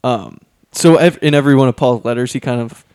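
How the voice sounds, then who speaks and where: A man's voice: medium pitch, a little fast, a little mellow, smooth, dry recording, clean studio sound. A man co-hosting a casual podcast, reading Bible passages aloud between many ums and restarts, a little out of breath. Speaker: podcast co-host.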